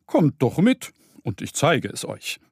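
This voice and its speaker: A man's voice: medium pitch, huge pitch swings, measured pace, gravelly, slightly rough, no echo, clean studio sound, exaggerated voice. A man voicing an enthusiastic stag pharmacist who explains herbal medicine in a children's story. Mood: hearty. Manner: hearty, explaining.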